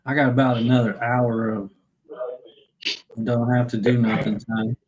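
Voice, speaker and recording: A man's voice: mid-range voice, level tone, measured pace, a little mellow, dull audio, a little hiss or hum. A man hosting a casual, rambling, slangy chat. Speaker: stream host.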